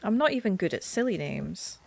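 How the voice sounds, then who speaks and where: Very animated and fairly quick, a woman with a medium-pitched, gravelly, slightly nasal voice streams a game while chatting casually and self-deprecatingly. A little hiss or hum comes through her desk mic, placed somewhat back.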